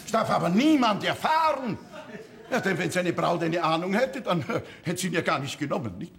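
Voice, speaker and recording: A flustered, gossipy blabbermouth. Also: male voice, sits high, sing-song, fairly quick, gravelly, fairly bright tone, full character voice. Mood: gossipy chatter. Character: fussy excitable chatterbox man who blabs secrets. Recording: echoey theater stage.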